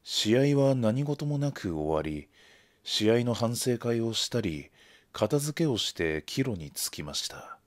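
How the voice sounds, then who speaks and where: A man narrating a scripted ghost story in a measured, hushed storytelling manner. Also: medium pitch, very animated.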